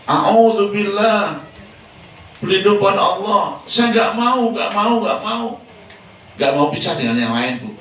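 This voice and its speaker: The earth itself, crying out in high, frantic pleas, as a preacher acts it out. It is heard from well back in a very echoey hall, with faint noise under it. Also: male voice, expressive, slow, fairly bright tone, far from the mic, full character voice. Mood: pleading. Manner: high frantic pleading cries. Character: earth pleading not to be taken.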